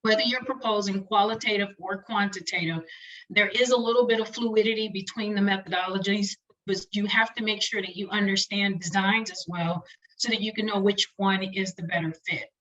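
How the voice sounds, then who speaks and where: A woman presenting a webinar to doctoral students, talking quickly in a chatty, friendly lecturing way over a computer mic. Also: mid-range voice, steady tone, a bit bright, dull audio.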